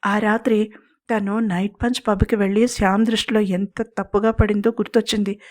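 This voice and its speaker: A woman storyteller reads a scripted family drama aloud. Her reading is steady and expressive, with a voice at an ordinary pitch for a woman. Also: normal speed. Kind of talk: scripted audio story narration.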